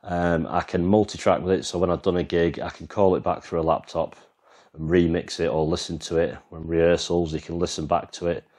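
A very deep-voiced English man talks through his band's live mixer in a loose, rambling way, pointing things out as he films it freehand. His voice sits extremely low and comes from a handheld camera. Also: little pitch movement, fairly quick, a little mellow. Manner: rambling, explains as he goes. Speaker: vlogger and band musician. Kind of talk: casual walkthrough demo.

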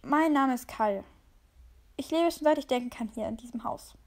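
Lady doing a chill house dog, totally calm, kinda high voice. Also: normal speed. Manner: calm and placid.

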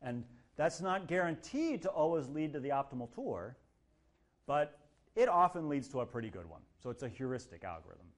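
A man's voice: mid-range voice, normal speed. A man lecturing a university class in a casual, joking way, acting out little quoted voices as he explains. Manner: lively, jokey, acts out quotes. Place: lecture hall.

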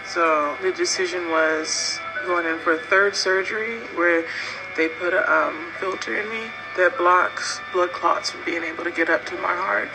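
A woman's voice: lowish voice, steady tone, unhurried, music in the background, low-quality recording. A woman telling an emphatic, emotional personal account of complications after giving birth, in an interview clip. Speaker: interviewee recounting childbirth complications.

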